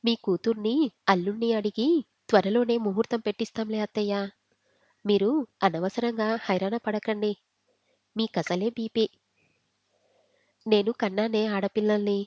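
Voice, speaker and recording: Woman, storyteller, reads a family story aloud, voices the dialogue, mid-pitched, dry close sound, slightly muffled. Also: steady tone, measured pace, long pauses, a little mellow, no room sound.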